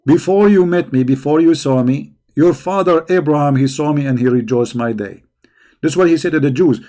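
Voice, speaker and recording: A man running a religious debate stream answers viewer questions in a combative, mocking way, his voice on the high side, warm, and a little fast. He tends to repeat words as he searches for what to say.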